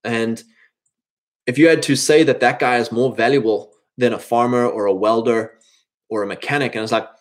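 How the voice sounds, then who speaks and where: Speaking at a normal speed, a man of thirty with a mid-range voice and fairly even intonation rambles through an informal pep talk aimed at other men. Along the way he drifts into quotes he imagines people saying.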